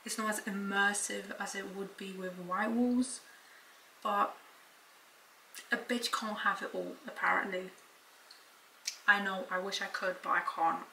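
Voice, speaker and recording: A woman talks through her vlog from her bedroom in a bright, sharp voice. She chats in a loose, self-mocking way and swears freely. She keeps up a casual, running commentary. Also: medium pitch, steady tone, a little slow, gravelly, long pauses, a little hiss or hum, rough recording. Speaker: vlogger.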